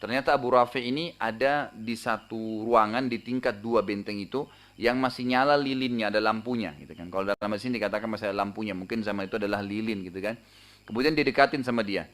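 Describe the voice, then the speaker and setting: Fast-talking male preacher telling a story. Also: mid-range voice. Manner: conversational, frequent tag fillers; animated retelling, raising voice for dramatic moments. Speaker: Islamic preacher. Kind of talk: storytelling sermon.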